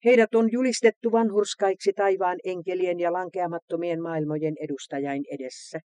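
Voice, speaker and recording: A man giving a solemn, measured devotional reading, recorded close to the mic. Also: high-pitched, fairly even intonation, mellow, no room sound.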